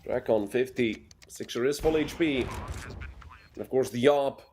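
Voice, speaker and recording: A man casting a competitive shooter match solo, giving quick play-by-play with dry asides. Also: mid-range voice, darkish tone, a little hiss or hum. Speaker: esports caster.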